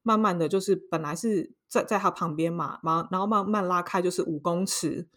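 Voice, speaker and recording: A young woman with a Taiwanese Mandarin accent, co-hosting a podcast and telling a story in a casual, lively way, acting out voices as she goes. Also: lowish voice, fairly quick. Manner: animated, acts out voices in her story. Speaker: podcast co-host.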